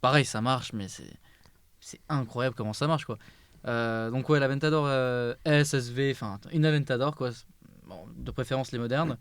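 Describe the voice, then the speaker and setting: A young man chatting excitedly about cars in a casual conversation, swearing freely. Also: mid-range voice, normal speed, clear, resonant tone, dry recording. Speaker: car youtuber. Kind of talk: casual chat.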